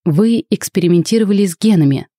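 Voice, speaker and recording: A woman reading a calm, shrewd male rector. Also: medium pitch, no echo, clean studio sound, natural voice. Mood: deducing. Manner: measured, reasoning tone. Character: shrewd male academy rector explaining calmly.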